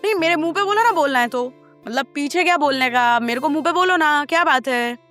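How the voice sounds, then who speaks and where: A woman's voice: sits high, brisk, fairly bright tone, soft background music, voice pushed up. A woman voicing a short-tempered young female office boss who snaps bluntly and repeats herself when angry. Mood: irritated, ranting.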